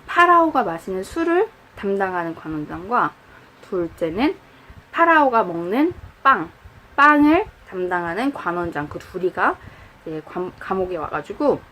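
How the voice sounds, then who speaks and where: A woman preaching to a youth group, telling the story lively and conversationally. She swings her pitch widely and jumps into quoted lines of the characters. She speaks at an ordinary middle pitch in a church setting. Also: a little hiss or hum, rough recording. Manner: animated, acts out quoted lines. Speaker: youth pastor. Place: church, indoors.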